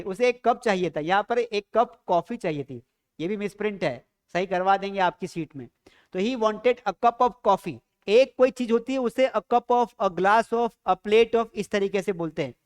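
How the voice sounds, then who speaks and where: A man's voice: sits high, clean tone. A man teaching a spoken English lesson, explaining patiently, asking the viewers questions and drilling pronunciation.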